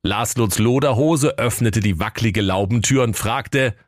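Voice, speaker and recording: A man's voice: medium pitch, measured pace, dry recording, studio quality. A man narrating a comic fairy-tale parody in a mock-solemn storytelling manner.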